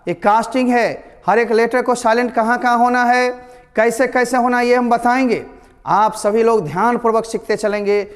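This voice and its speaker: A man teaching English pronunciation to his students, explaining slowly and repeating each word, calling them his children. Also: very high voice. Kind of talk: classroom lesson. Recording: long reverb.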